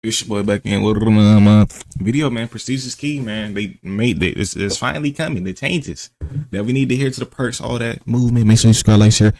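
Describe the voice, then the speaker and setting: A man's voice: lowish voice, a little fast, a little mellow. A man giving casual, off-the-cuff gaming reactions in slangy, repetitive, stop-and-start phrases.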